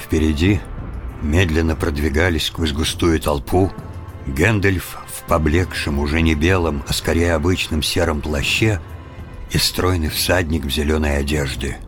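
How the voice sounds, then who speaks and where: A man narrating a story in a measured, dramatic reading style. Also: very deep voice, fairly even intonation, music in the background. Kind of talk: scripted audiobook narration.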